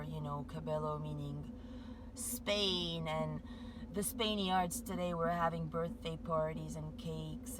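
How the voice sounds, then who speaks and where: A woman giving a meandering spiritual monologue, full of "like" and "you know" fillers. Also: fairly low pitch. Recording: steady background noise.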